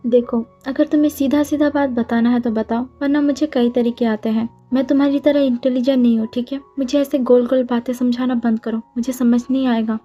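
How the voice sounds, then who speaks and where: A sulky, teasing teenage boy who whines and wheedles, put on by a woman. The voice sits a little high and mellow. It comes through a dull lo-fi recording with soft music behind it. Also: fairly even intonation, a little fast, hardly any pauses, lightly acted. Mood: pleading. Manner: whiny, wheedling and pouty.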